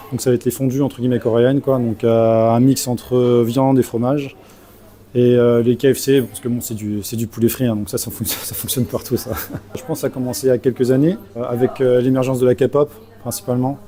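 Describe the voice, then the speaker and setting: A man's voice: mid-range voice, level tone, mellow. A man in his thirties from French Guiana, a restaurant owner answering interview questions with many fillers. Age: 30s. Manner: fast, with frequent fillers.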